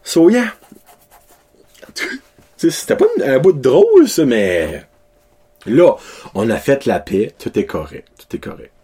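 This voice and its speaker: A man's voice: medium pitch, wildly swooping pitch, takes it slowly, long pauses, dark tone, slightly rough. A man in his thirties with a Québécois French accent, casually chatting to his followers in a loose, slangy way and mixing in English words. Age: 30s. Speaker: vlogger.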